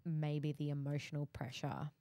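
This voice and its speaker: A chatty woman co-hosting a podcast, her voice sitting a little low. She rambles and restarts her thoughts, and the sound is dry and close with no room around it. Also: level tone, moderate pace, warm tone, dry recording. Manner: chatty, laughs often, trails off mid-sentence. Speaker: podcast co-host. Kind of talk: casual chat.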